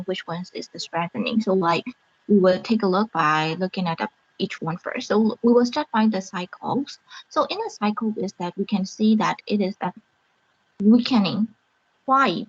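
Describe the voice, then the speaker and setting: A woman's voice: mid-range voice, slightly rough, dry recording, dull audio. A woman student giving an online class presentation, speaking hesitantly with many fillers and frequent self-corrections. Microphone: video call.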